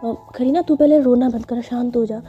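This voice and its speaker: A woman's voice: on the high side, fairly even intonation, moderate pace, natural voice. A woman storyteller voicing a heartbroken young woman who pleads through tears. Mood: tearful, pleading. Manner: pleading, breaking voice. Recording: slightly dull with faint music.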